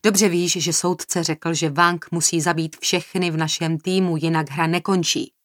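A woman's voice: lowish voice, fairly even intonation, no echo, studio quality, close to an everyday voice. A woman reading as a weary peacekeeping man. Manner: slow, weary, skeptical. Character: weary, level-headed man keeping the peace.

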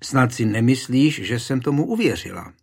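A man with a husky voice reading the lines of a spirited queen who teases and coaxes her husband. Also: mid-range voice, lively intonation. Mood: coaxing. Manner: playful, coaxing. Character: spirited queen, teasing and stubborn.

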